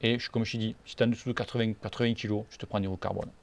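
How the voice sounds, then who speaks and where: A man's voice: fairly low pitch, level tone, racing, gravelly. A man from near Perpignan with a southern French accent, hosting a cycling channel and answering viewer questions in a blunt, joking, slangy way. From Catalonia, near Perpignan.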